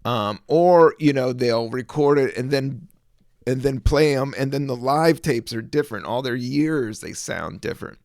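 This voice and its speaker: Hosting a casual solo podcast, a man from the American South rambles in a relaxed way, using lots of fillers, laughing, and singing bits of songs. He speaks unhurriedly in a medium-pitched, slightly mellow voice. The audio is studio quality with no echo.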